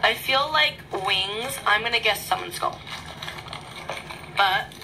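A woman chatting casually through an unboxing vlog in her small bedroom, excitable and rambling, recorded on a phone camera. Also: mid-range voice, slow pace, gravelly, noisy background. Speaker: vlogger.

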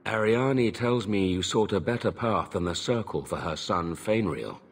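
An actor playing an earnest, stern, honorable knight in a video game, speaking formally and gravely. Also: male voice, on the low side, lively intonation, moderate pace, a little hiss or hum.

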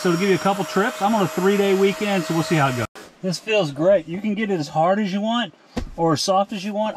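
Chatty higher-voiced man reviewing camp gear. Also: background noise. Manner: chatty, plainspoken, with frequent restarts. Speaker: outdoor vlog host. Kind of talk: casual product review vlog. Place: outdoors in a forest campsite and inside a rooftop tent.

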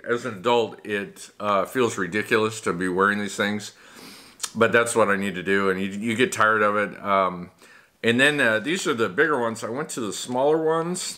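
Man in braces, bright low voice. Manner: rambling, matter-of-fact, with fillers and restarts. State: wearing braces with elastics, slight lisp. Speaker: vlogger. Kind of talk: casual talk to camera.

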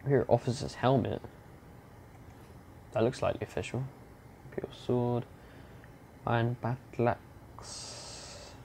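A young man giving casual commentary while playing a game, muttering to himself and breaking into silly shouts and growls. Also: medium pitch, fairly even intonation, slow pace, gravelly, pauses often, a little hiss or hum. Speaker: gamer playing through a game. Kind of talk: casual let's-play commentary.

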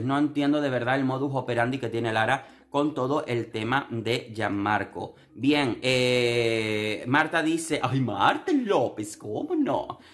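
Young Canarian man, sarcastic reality-TV gossip commentator, average pitch, theatrical delivery. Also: a bit bright. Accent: Canarian Spanish. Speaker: TV commentary vlogger.

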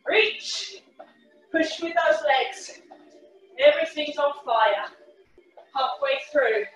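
A woman leading a workout class as a fitness instructor, calling short, energetic, encouraging cues and counts. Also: sits high, slow pace, faint music behind. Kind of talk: live workout class coaching. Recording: echoey room, far from the mic.

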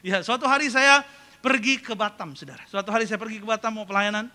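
A man preaching a sermon to his congregation, telling funny anecdotes in a lively, jokey way and often addressing them directly. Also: high-pitched, quick pace. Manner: jokey storytelling, calls congregation "saudara". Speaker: pastor. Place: large church hall. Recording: long reverb of a church hall.

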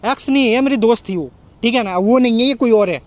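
A young man hosting a prank video, talking fast and pleading again and again with his girlfriend in a staged argument. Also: very high-pitched. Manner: pleading, placating, repeats himself.

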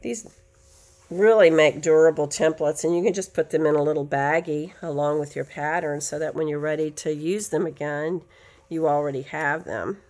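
This is a low, darkish female voice at normal speed, belonging to an American woman giving a laid-back quilting lesson at home. Allergies leave her nasal, and her talk at the indoor sewing table is chatty, full of side comments and self-corrections.

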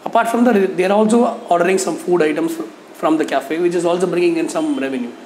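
A man, a cafe owner sharing feedback in an interview. His voice sits a little high, and he talks hesitantly with lots of fillers. He is recorded on a lapel mic in an echoey cafe room with a faint hum behind him. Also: fast, darkish tone. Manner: hesitant, many fillers and restarts, gestures while talking. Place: cafe with painted mural wall, indoors.

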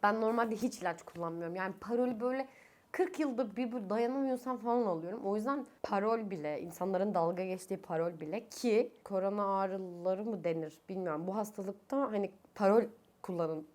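A young woman in her twenties talks through a face mask from her bedroom in a casual, chatty way. Her throat is sore and she sounds worn out, with coughs breaking through. She laughs easily and rises in pitch when something irritates her. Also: fairly quick, darkish tone. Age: 20s. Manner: chatty, laughs often, voice rising when annoyed. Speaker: vlogger. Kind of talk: casual chat to camera. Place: her own bedroom, indoors. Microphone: speaking through a face mask.

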